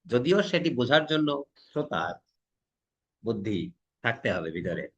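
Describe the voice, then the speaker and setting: A man teaching a classroom lecture, demonstrating pronunciation with loud emphatic stresses and often asking students if they follow. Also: mid-range voice, big pitch swings, moderate pace, lo-fi sound.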